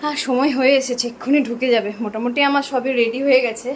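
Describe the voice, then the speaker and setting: A woman's voice: sits high, fairly even intonation, fast talker, a little hiss or hum. A young woman, a mother, chatting casually to the camera as she explains her plans in a home vlog. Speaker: vlogger, mother.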